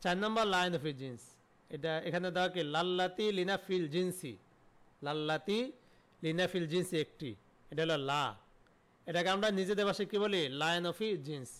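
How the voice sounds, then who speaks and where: High-voiced man teaching Arabic grammar. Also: brisk, a bit bright, smooth. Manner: asks questions and answers them himself, repeating key terms. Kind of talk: online grammar lesson.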